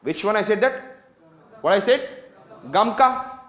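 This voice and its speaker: A man's voice: high-pitched, animated, drawn-out words, a bit bright, echoey room. A man with an Indian accent giving a classroom lecture, switching between English and Hindi and constantly quizzing his students with repeated questions. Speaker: teacher.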